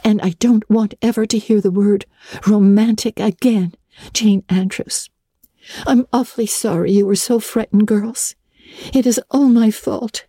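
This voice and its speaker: A woman's voice: medium pitch, steady tone, measured pace, warm tone, husky, no room sound, clean studio sound, pitched above the performer's own voice. A woman reading aloud, voicing a talkative, imaginative orphan girl who speaks earnestly and theatrically.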